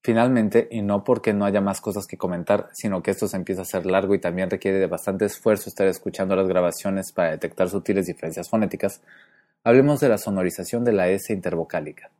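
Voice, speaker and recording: A man teaching pronunciation in a clear, methodical way, slowing down to demonstrate sounds. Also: sits low, steady tone, mellow. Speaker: Spanish phonetics teacher. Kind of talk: explanatory lesson narration.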